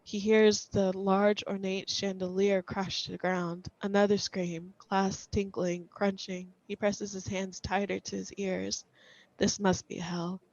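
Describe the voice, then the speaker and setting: A woman reading a scripted horror story aloud in a measured, suspenseful way. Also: medium pitch, little pitch movement, a little mellow, no room sound, muffled recording.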